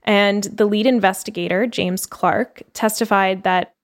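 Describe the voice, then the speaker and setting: A woman co-hosting a podcast, walking through a case in a relaxed, chatty way. She fills her talk with "like" and restarts. She is from Canada. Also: medium pitch, unhurried. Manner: chatty storytelling with many fillers. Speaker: podcast co-host telling a case. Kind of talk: casual chat.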